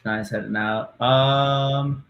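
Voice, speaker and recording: A man's voice: mid-range voice, fairly even intonation, takes it slowly, muffled recording, slight background noise. Upbeat man reading chat comments aloud. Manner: upbeat, laughs often, reads comments aloud. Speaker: co-host reading viewer comments. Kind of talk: casual live-stream chat.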